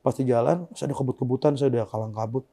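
A young man as an interview guest, telling a painful personal story in a soft, subdued way that often trails off quietly. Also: medium pitch, very fast, creaky, slightly rough.

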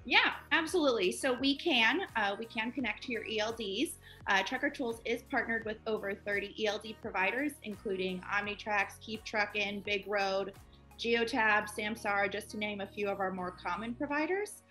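A woman's voice: medium pitch, normal speed, sharp tone, soft background music. A woman in her twenties, a guest on a company interview, explaining eagerly over a video call. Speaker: project manager guest.

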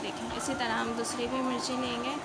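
Fairly high-pitched and fairly quick, with a flat delivery, a woman from Pakistan hosts a home cooking video, chatting homely guidance through every step in her kitchen and often saying "see" to viewers. The recording is a noisy home phone capture, shot from above the countertop by a phone or camera.

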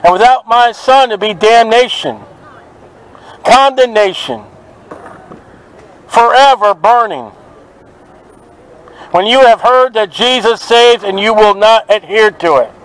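A man preaching outdoors at a market, forceful and confrontational, quoting scripture to passers-by. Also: sits high, slow, long pauses, rough recording. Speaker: street preacher. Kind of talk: open-air street preaching. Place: outdoors at a city market by traffic.

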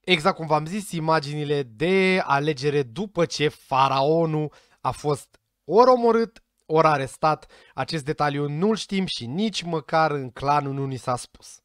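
Chatty man with a fairly high voice. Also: a bit bright, dry recording, studio quality. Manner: chatty, speculative, stumbles over names. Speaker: vlogger reacting to a series trailer. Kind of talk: casual commentary addressed to viewers.

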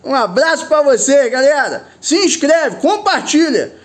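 An older man with a Carioca accent, narrating his drone vlog in an excitable, slangy way, laughing often and calling out to his viewers. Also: extremely high pitch, unhurried. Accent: Carioca Portuguese. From Rio de Janeiro, Brazil. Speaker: drone vlogger.

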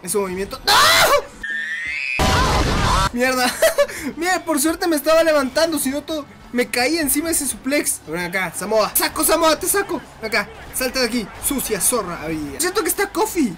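A man giving casual gameplay commentary, excitable, laughing often and shrieking when hit. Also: extremely high pitch, moderate pace, soft background music. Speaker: gaming commentator.

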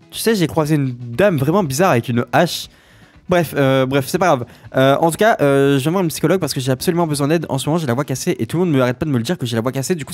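A hoarse man role-playing a client in a comedic game role-play, rambling in a playful way. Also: on the high side.

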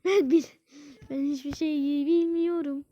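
A woman giving casual let's-play commentary on a quiz game, excitable, repeating words over and over and whining when she loses. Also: high-pitched, a little slow, muffled recording. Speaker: gaming channel host.

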